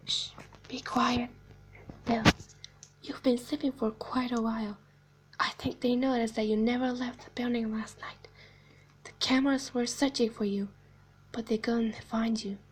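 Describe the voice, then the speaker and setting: A woman doing amateur voice acting portrays a video game's eerie animatronic clown girl, her high, girlish voice husky and steady in tone. The monologue is hushed and menacing, told slowly and deliberately with dips into whispers, sugary yet sinister like a secret revealed bit by bit.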